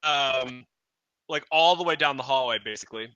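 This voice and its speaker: A man's voice: medium pitch, normal speed, bright, forceful tone, smooth, no echo, muffled recording. A man narrating as game master in a tabletop game, hesitant and full of fillers.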